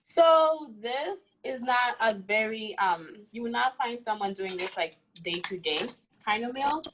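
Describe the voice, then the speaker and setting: A woman's voice: a little high, lively intonation, a little slow, fairly bright tone, rough recording. Chatty young woman from the Congo. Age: young adult. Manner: chatty, with many "like" and "um" fillers. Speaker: cooking guest. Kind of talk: casual cooking demonstration.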